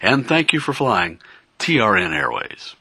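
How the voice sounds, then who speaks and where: Bright lively airline pilot making a cabin announcement, done by a man, dry close sound. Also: lowish voice, measured pace, creaky, slightly rough, no echo, heavily acted. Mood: polished, announcing. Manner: polished in-flight announcement delivery. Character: smooth adult male airline captain addressing passengers. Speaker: station promo announcer. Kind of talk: scripted parody promo.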